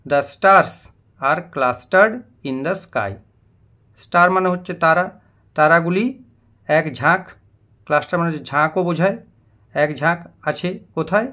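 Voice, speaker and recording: A man's voice: on the high side, bright, forceful tone. A man teaching an English lesson, explaining vocabulary patiently and spelling words out letter by letter. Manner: slow, deliberate reading of English example sentences.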